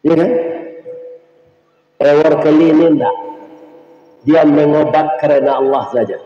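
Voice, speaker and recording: Lively Minangkabau preacher, echoey hall. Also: male voice, fairly high pitch, measured pace. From West Sumatra. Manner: lively storytelling that jokes and talks directly to the congregation. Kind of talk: humorous sermon. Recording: dull lo-fi sound, echoey hall.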